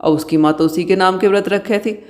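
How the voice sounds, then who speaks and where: Devotional tale narration, unhurried, homely, middle pitch. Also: steady tone, darkish tone. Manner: unhurried, homely storytelling with fillers. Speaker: devotional storyteller.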